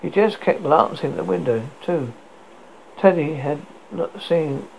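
A British man with a gravelly voice narrates a story aloud in a halting, stumbling way. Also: fairly high pitch, expressive, rough recording. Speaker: podcast host reading a story. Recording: noticeable background noise.

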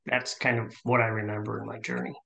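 A middle-aged man from Minnesota, a leadership coach, speaking as a guest over a video call from his home office, relaxed and reflective with many fillers. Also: on the low side, fast talker, creaky. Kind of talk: casual interview.

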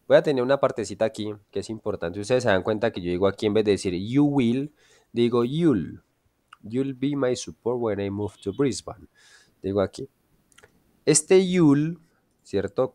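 A man with a Colombian Spanish accent teaches an online English lesson in a medium-pitched, slightly mellow voice. The recording is dry with clean studio sound, and he often asks his students questions to check that they follow.

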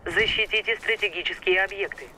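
High bright military game announcer. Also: male voice, a little fast, slight background noise, low-quality recording. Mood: official, urgent. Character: military match announcer calling round results and orders.

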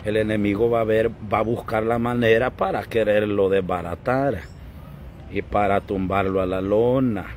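A man preaching a lively, joking sermon as a pastor, now and then singing snatches of hymns. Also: fairly low pitch, moderate pace, a little hiss or hum. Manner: animated, joking, sings snatches. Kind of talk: lively live-stream sermon.

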